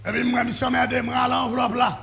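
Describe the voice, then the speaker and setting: High-pitched gravelly preacher man, shouting. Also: normal speed. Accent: Haitian French. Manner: excited storytelling, bursts into shouting. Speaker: pastor. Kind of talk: preaching sermon testimony.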